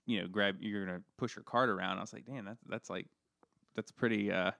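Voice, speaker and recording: A man's voice: on the low side, steady tone, a little fast, creaky, pushed and bright, no room sound, clean studio sound. A man co-hosting a casual podcast chat, rambling with lots of fillers and poking fun at himself. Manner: rambling, filler-heavy, self-deprecating. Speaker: podcast co-host.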